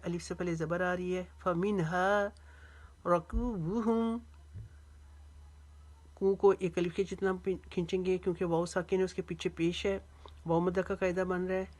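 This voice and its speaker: A woman with an Urdu accent teaching Quran recitation step by step, drawing each word out slowly and then explaining it briskly. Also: fairly low pitch, a little mellow.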